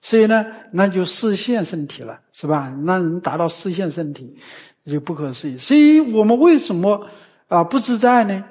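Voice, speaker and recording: A man with a high voice gives a Buddhist dharma talk, teaching in a didactic, emphatic way and ending his points with short tag questions. The recording is muffled and lo-fi. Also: sing-song, moderate pace, a little mellow.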